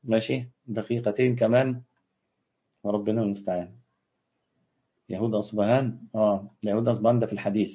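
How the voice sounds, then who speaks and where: A husky-voiced Egyptian man runs a casual live stream, firing back quick answers to his viewers' comments. He talks at a rapid clip, with a slightly raspy edge to his voice. The stream audio is dull and lo-fi. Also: on the low side, steady tone. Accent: Egyptian Arabic. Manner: brisk, reads out and answers viewer comments, quick dismissive retorts. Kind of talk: casual live Q&A on religion and history.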